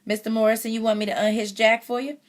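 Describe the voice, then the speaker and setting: A woman's voice: on the high side, level tone, fast talker, pitched above the performer's own voice, natural voice. Cassie, a woman doing an eager young farm girl. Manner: eager, polite questions.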